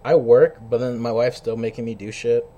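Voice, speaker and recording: Man, medium pitch, podcast host, casual slangy chat, chummy, faint background noise. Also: normal speed, warm tone.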